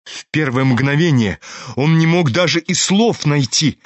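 A man narrating an audiobook expressively and deliberately. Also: fairly high pitch, no echo, lo-fi sound. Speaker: audiobook reader. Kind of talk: scripted narration.

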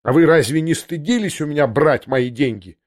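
A man's voice: fairly high pitch, moderate pace, lightly acted. A man voicing an arrogant aristocratic prince in an audiobook, speaking with cutting contempt and mockery. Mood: contemptuous. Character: arrogant aristocratic prince, scornful, pacing in anger. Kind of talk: audiobook character reading.

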